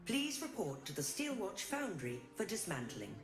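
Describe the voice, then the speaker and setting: A woman's voice: mid-range voice, moderate pace, natural voice. Woman voicing a stern mechanical guard construct. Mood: commanding. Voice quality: flat, official, commanding. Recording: echoey game audio. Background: game music.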